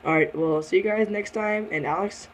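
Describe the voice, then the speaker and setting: A teenage boy hosting a casual question-and-answer chat, keeping things moving in a hurried way. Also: sits high, rough recording. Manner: hurried, steering the talk along. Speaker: channel host.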